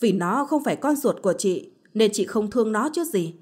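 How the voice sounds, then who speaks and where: A woman voicing an angry older mother-in-law with a shrill, accusing way of scolding, in a storybook reading. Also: lively intonation, moderate pace, darkish tone, breathy edge. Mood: furious.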